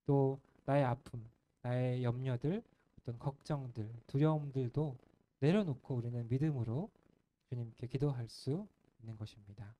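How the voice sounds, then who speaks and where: A male pastor preaching a sermon in an earnest, gentle way, letting the ends of his phrases fall soft. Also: mid-range voice, moderate pace. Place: church sanctuary.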